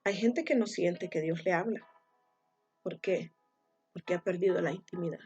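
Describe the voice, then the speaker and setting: A woman preacher giving a devotional sermon, stressing points through repeated phrases, with a husky voice. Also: fairly low pitch, moderate pace, a little mellow. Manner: emphatic, repetitive phrasing. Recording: dull lo-fi recording with faint music.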